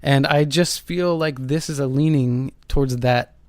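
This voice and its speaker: A man's voice: mid-range voice, unhurried, a little mellow, dry recording. Paranormal radio host, a man, dry close sound. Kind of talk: radio show hosting, conversational.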